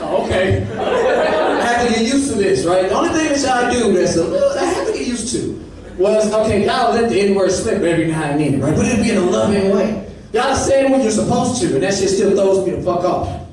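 Male stand-up comic, St. Louis accent, lively high voice, very echoey club, distant mic, room noise. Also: fairly quick, a loud crowd. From St. Louis, Missouri. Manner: animated storytelling, acts out voices. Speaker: stand-up comedian. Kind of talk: stand-up comedy. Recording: roomy club sound from off-mic.

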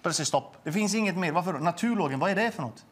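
Earnest middle-aged man, somewhat high voice. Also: expressive, background noise. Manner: earnest, emotional, with repeated words and restarts. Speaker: guest sharing a faith testimony. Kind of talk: personal religious testimony.

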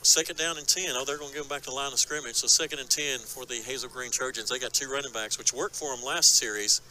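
A man giving fast, excitable play-by-play of a high school football game from a press box. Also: slight background noise, rough recording. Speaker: play-by-play announcer. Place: press box at an outdoor stadium.

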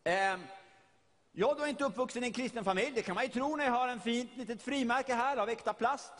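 Middle-aged male preacher, very high voice, storytelling sermon, long hall reverb. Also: a bit bright. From Sweden. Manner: storytelling, vivid retelling with repeated words.

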